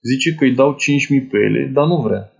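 A man's voice: medium pitch, gravelly, dull audio, lightly acted. A man playing a poor, fussy older clerk who confides in a young woman in a chatty, doting way. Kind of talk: dramatized literary monologue.

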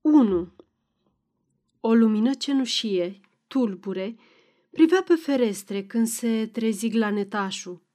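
A woman reading a classic novel aloud, somewhat high voice, measured and expressive, audiobook narration. Her pace stays steady and even.

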